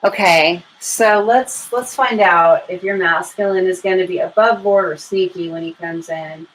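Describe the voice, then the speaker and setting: Speaking at a measured pace in a lowish voice, an American woman runs a live tarot reading, talking casually to her viewers and thinking out loud. The recording is poor, with noticeable background noise and room ambience.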